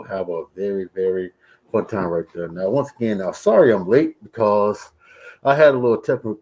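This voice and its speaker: A man's voice: lowish voice, darkish tone, poor audio. A man streaming a casual movie review, talking through a face mask that muffles his voice, rambling with many fillers. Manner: rambling, heavy use of fillers like "you know" and "right here".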